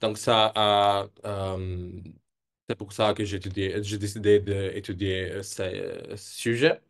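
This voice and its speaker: A young Italian PhD candidate presents his research in French, his second language, with an Italian accent. He speaks slowly in a steady, lowish voice, hesitating and searching for words.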